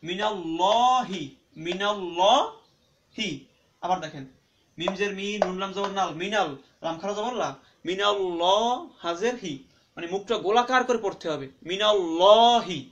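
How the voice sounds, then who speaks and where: A man teaching Quran reading in Bengali, who asks and answers his own questions and spells out letters slowly syllable by syllable. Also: high-pitched, a bit bright, lo-fi sound, a little hiss or hum. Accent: Bangladeshi Bengali. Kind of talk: spoken classroom-style lesson.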